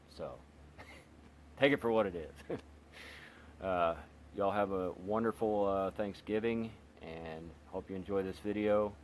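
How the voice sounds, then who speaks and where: This radio reviewer and channel host talks loosely through a product review vlog, stumbling over fillers and restarts. His voice sits low, and there is slight background noise.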